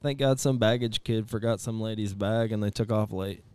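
A man, co-hosting a casual podcast chat in a laid-back, low-key way. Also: steady tone, normal speed, warm tone, clear, resonant tone. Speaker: podcast co-host.

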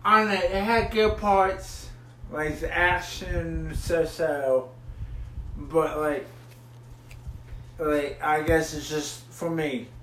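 A man's voice: on the high side, fairly even intonation, takes it slowly, pauses often, sharp tone, recorded from a distance, slight background noise. Laid-back, drawling man co-hosting a podcast. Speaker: podcast co-host. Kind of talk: casual podcast chat. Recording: echoey room, away from the mic.

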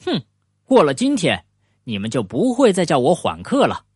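A man's voice: on the high side, huge pitch swings, normal speed, breathy edge, dry recording, heavily acted. Brief: dad reading as a young turtle boy for a storybook, raised childlike voice, earnest, dry close sound. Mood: determined.

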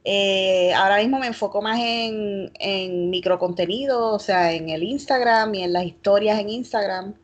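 A woman's voice: medium pitch, moderate pace, few pauses, highs cut off. A woman in her thirties from Puerto Rico with a Puerto Rican Spanish accent, a guest talking reflectively in a casual interview, with lots of fillers and hedging. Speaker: guest, fashion blogger.

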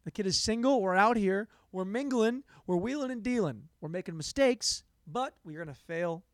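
Young male podcast host, sarcastic rambler, fairly high voice, dry studio sound. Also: lively intonation, normal speed, no echo. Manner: sarcastic, self-mocking, jumps between loud bursts and mumbled asides. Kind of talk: rambling solo comedy podcast.

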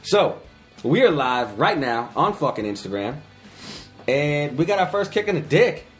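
Rowdy Boston-accented man, lively pitch. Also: a little slow, faint music behind. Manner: rowdy, profane, laughs often. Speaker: podcast co-host and tattoo artist. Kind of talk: casual profane livestream chat.

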